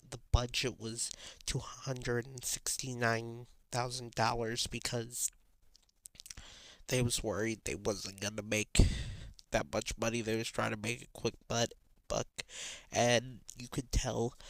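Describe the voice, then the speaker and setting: A man hosting a casual film review, his voice nasal and sickly from illness, rambling with many pauses and fillers. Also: medium pitch, fairly even intonation, creaky, a bit bright, no echo. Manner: rambling, many ums and restarts.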